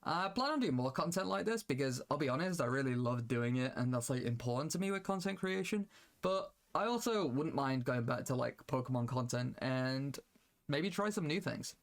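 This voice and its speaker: A man's voice: medium pitch, expressive, moderate pace. A young man narrating a game mod review in a casual tone, dropping in "like" often. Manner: casual with frequent "like" fillers. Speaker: gaming YouTuber.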